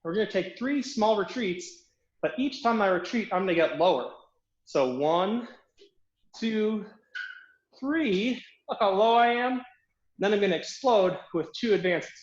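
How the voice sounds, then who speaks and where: A man's voice: high voice, moderate pace, roomy sound, muffled recording. A man coaching an online fencing footwork class, counting reps aloud as he demonstrates drills, out of breath from the exercise.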